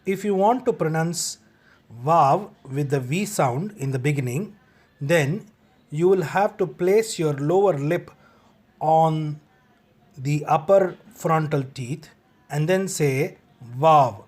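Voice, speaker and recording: A man teaching letter sounds, speaking slowly and repeating each sound for practice. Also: a little high, darkish tone. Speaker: language teacher. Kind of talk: slow instructional explanation.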